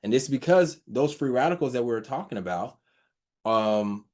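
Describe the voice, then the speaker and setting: A man presents on hydrogen health research in a relaxed slide talk, reading quotes from studies and explaining them haltingly. He restarts often, fills pauses, and even points out his own stutter. His voice is medium in pitch, expressive, and somewhat dark.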